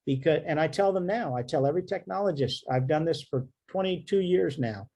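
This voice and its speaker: Husky, joking man lecturing. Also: a little high, animated, brisk, dark tone. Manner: jokey, conversational, frequent "okay?" check-ins. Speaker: radiologist lecturer. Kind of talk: medical lecture with anecdotes.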